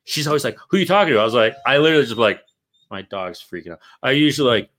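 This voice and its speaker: Man, young adult, average pitch, lively casual podcast chat, acts out quotes. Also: quick pace. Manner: animated storyteller, swears freely, acts out quotes. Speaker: podcast co-host.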